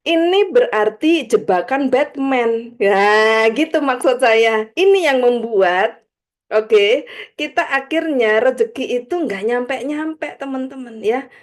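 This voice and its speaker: Woman teaching a live spiritual class, a bit high voice, chatty, laughs a lot, keeps adding "gitu ya". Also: takes it slowly. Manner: chatty, laughs often, frequent "gitu ya" tags; acts out examples in quoted voices. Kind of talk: live spiritual study talk.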